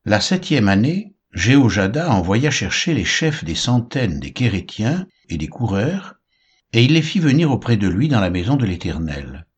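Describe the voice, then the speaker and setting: Husky-voiced man reading scripture aloud. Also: on the low side, muffled recording. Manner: measured, expressive reading with lively intonation. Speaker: Bible reader.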